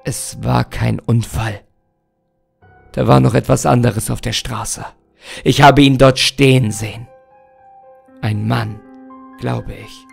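A man's voice: steady tone, slow pace, vocal fry, long pauses, slightly rough, soft background music, exaggerated voice. A man doing a grim, haunted stranger. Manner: grim, low and heavy.

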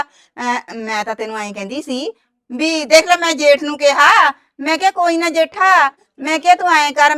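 A woman's voice: high-pitched, pushed and bright. A meddling village gossip, played by a woman, speaking. She wheedles and keeps relaying what others said. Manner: wheedling, reports others' words. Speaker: actress. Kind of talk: village drama dialogue.

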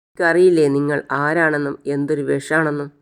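The narrator reads as a young woman who will not be silenced, bitter and sarcastic toward those around her. Her words come in a steady, accusing flow, cutting and resentful, spoken in a soap-opera retelling. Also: mid-range voice, a little fast, clean tone, close to an everyday voice.

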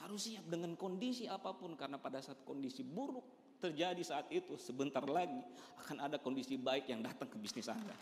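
A man giving an emphatic motivational talk to a live audience, speaking straight to them. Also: high-pitched. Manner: emphatic, addresses the audience directly, mixes in English words. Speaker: motivational speaker at a business meeting. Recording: echoey hall with long reverb.

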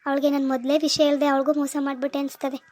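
A woman's voice: sits high, flat delivery, rapid-fire, a little mellow, no echo, clean studio sound, lightly acted. A woman voicing a worried, regretful young husband in a cartoon. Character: remorseful young husband Satish.

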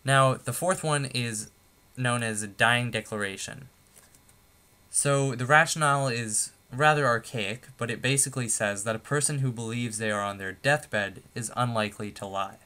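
Bright-voiced man explaining step by step. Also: mid-range voice, moderate pace. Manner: steady, methodical, stepping through numbered points with occasional fillers. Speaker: tutorial presenter. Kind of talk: explanatory lecture on law.

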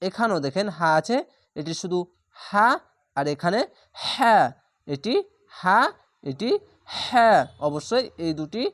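A man teaching Quran reading who spells out each letter and vowel mark before slowly reciting the whole word. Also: high-pitched, no room sound, studio quality. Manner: draws out recited words slowly.

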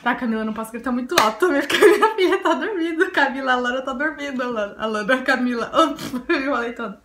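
Young Brazilian woman vlogger, bubbly and giggly, bright high-ish voice, casual home chat. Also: fast talker, a little hiss or hum. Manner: giggly, bubbly, easily embarrassed. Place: home, indoors by a window.

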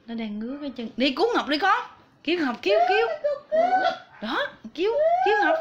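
A woman with a Southern Vietnamese accent filming a casual vlog, excitedly cheering on and urging her pet. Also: sits high, a little fast, muffled recording. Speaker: pet owner. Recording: loud background noise.

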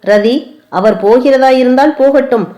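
A woman's voice: sits high, normal speed, voice pushed up, natural voice. A woman voicing a proud young dancer, hurt and reproachful, in an audiobook. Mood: indignant. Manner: sharp, reproachful speech.

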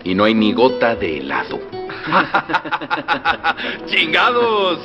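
Using a full character voice, a Mexican-accented actor dubs a middle-aged revolutionary general who teases, threatens, bursts into loud laughter and swings between soft menace and loud outbursts. The male voice is a little high, very animated and very slow, in a jovial mood. A dull film soundtrack carries long reverb and faint music.

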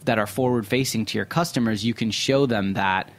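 A man's voice: lowish voice, brisk. A man hosting a food radio interview in a studio, talking in a loose, conversational way with some fillers and restarts. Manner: conversational, thinks aloud with fillers. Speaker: podcast host.

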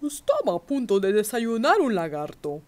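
Menacing storybook roadrunner, voiced by a woman, smug and hungry, in an animated delivery. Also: on the high side, normal speed. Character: hungry, threatening roadrunner bird.

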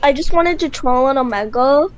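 A woman's voice: sits high, animated, normal speed, dull audio. A teenage girl on a video chat, talking in a gushing, effusive way. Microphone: webcam.

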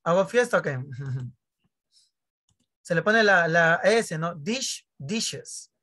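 A man teaches English over a video call, with a bright, ringing voice. He jokes and teases his pupils and plays out their questions in their voices. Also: on the high side, expressive, very slow. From Peru. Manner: joking, teasing pupils, acts out their questions. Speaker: primary school English teacher. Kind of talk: online class, explaining grammar.

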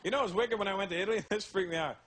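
A male stand-up comedian telling animated stories with many asides to the audience. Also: high voice, rapid-fire, very noisy. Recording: live comedy show, loud crowd laughter.

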